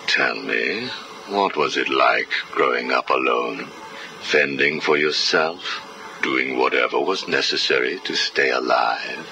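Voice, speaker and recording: A man's voice: very deep voice, pushed and bright, heavily acted. A man playing a cold, clinical older psychiatrist questioning a prisoner, heard as a recording played back from an interview cassette tape. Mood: coldly probing. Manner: measured, clinical, condescending. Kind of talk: video game voice acting.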